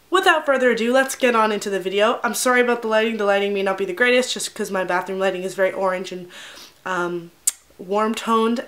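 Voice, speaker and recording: A young woman chatting casually as a beauty vlogger, with lots of ums and likes, recorded in her home bathroom with an echoey sound. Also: medium pitch. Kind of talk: casual chat.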